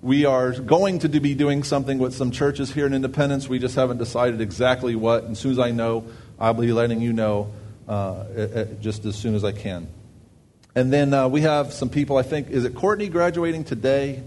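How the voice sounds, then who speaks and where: A man's voice: mid-range voice, fairly even intonation, brisk, darkish tone, a little hiss or hum. A man, a pastor, giving announcements and a sermon in a conversational way, thinking aloud with fillers and restarts.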